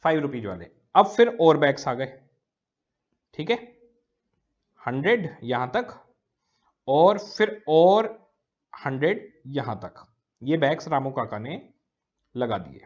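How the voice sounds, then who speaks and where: A man's voice: fairly high pitch, very animated, takes it slowly, pauses often, darkish tone, lo-fi sound. A male teacher giving a recorded lecture. He explains step by step, repeating key words and often checking that students follow.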